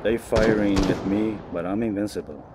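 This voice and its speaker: Brief: a man playing a low, drawling holy father, solemn and slow, loud gunfire behind. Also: steady tone, very noisy, natural voice. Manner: slow, solemn, priestly pronouncements. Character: gentle spiritual priest with a pirate drawl. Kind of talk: voice role-play in a VR game.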